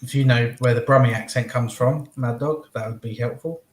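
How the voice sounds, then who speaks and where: An easygoing man chats as a guest on a live stream, often laughing. His voice carries a noticeable room echo. His pitch sits in an ordinary middle range. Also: fairly even intonation, a little fast. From England. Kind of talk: casual live-stream chat.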